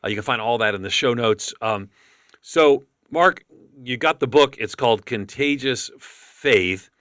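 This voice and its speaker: Man, podcast host, casual chat, bright voice, dry close sound, rambling restarts. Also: mid-range voice, clear, resonant tone, dry recording. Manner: chatty, quick and rambling with many restarts.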